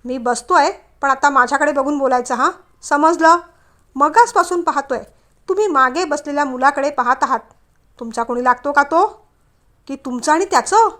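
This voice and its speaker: A woman's voice: sits high, normal speed, a bit bright. Woman reading as a touchy young bank clerk. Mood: irritated. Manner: irritated, lecturing.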